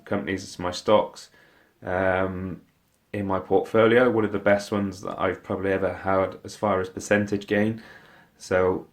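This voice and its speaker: An investing vlogger with a fairly low voice sounds stuffy and congested from a cold as he hosts a casual walkthrough of his portfolio. He often hesitates, with ums and restarts, and the recording is dry.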